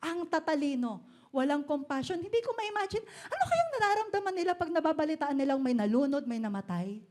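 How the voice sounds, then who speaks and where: A middle-aged woman pastor delivers a lively sermon in a church hall, her high voice moving a little fast and carrying a Filipino accent. She switches between Filipino and English and throws in playful asides.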